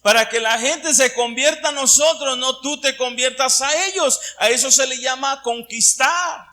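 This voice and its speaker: A man's voice: very high voice, normal speed, bright, forceful tone. A middle-aged man from Puerto Vallarta with a Puerto Vallarta Mexican Spanish accent, preaching a Sunday sermon and putting questions to his congregation. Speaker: pastor.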